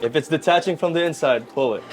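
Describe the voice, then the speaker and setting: A man's voice: on the high side, quick pace. A man from the Philippines, an executive chef, coaching a beginner through cleaning fish in a direct, teasing way in a restaurant kitchen. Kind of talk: casual instruction.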